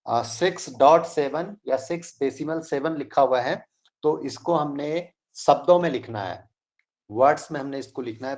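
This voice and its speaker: A man teaching an online math class in a slow, deliberate way, reading out numbers digit by digit. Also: on the high side, a little mellow.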